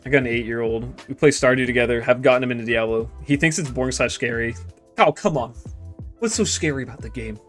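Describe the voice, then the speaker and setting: A fast, fairly bright mid-range voice belongs to a gaming streamer in his twenties, with faint music behind him. His casual stream talk wanders, full of crude jokes, and often fades into muttering.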